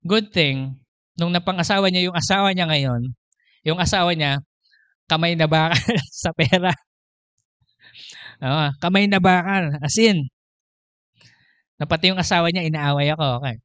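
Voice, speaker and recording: A man's voice: on the high side, brisk, fairly bright tone, clean tone, no room sound. A man preaching a sermon as pastor, telling a personal story, moving between Tagalog and English and laughing often. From Philippines.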